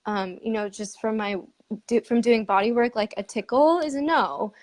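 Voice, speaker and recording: A woman's voice: a little high, lively intonation, moderate pace. A woman hosting a conversational interview, speaking candidly with frequent laughs and fillers. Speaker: podcast host. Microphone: remote live stream.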